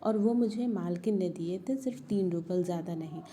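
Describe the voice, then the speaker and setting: A woman reading aloud the part of a timid, fearful young female servant in a soft, trembling way. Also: lowish voice, normal speed, natural voice.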